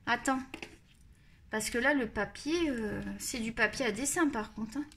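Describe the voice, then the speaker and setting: High-pitched woman with a marseille accent, rambling and chatty while she colors, faint hiss behind. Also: unhurried, a bit bright. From France. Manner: chatty, rambling, self-mocking. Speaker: coloring channel host. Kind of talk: casual chat while testing art supplies.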